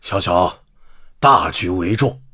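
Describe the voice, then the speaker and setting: A meddling male relative with a husky voice that swings widely in pitch. He is two-faced, wheedling and patronising, in short-drama style. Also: huge pitch swings, brisk, full character voice. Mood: sly coaxing. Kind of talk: melodramatic short-drama acting.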